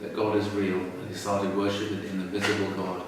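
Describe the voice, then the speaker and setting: A man retells an ancient story in a relaxed, humorous teaching style. His voice is low and picked up from some distance. The room echoes strongly and faint ambient noise sits behind him. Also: a little fast. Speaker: religious teacher. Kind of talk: storytelling lecture. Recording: echoey room, far from mic.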